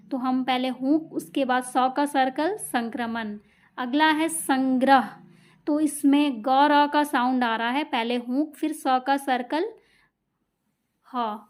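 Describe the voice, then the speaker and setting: A woman teaching a shorthand lesson, explaining each rule patiently and repeating it with examples. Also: high-pitched.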